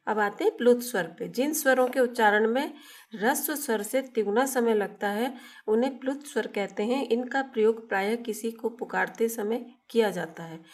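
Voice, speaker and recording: Slow, patient woman teaching a lesson. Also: fairly high pitch. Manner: asks questions and answers them herself, drawn-out sounds. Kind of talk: classroom grammar lesson.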